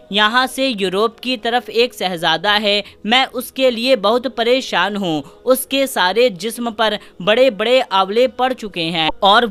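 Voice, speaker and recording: A woman voicing a worried male partridge bird in a fairy tale, speaking in a lowered, sorrowful voice. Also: fairly bright tone, clean tone, natural voice.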